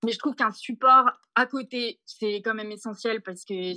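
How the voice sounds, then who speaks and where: A young French woman talking quickly in a casual interview, full of fillers and restarts and dropping English words into her French. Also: a little high, sharp tone, dry recording. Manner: fast, with many fillers and restarts. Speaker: interviewee, backpacker. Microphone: podcast mic.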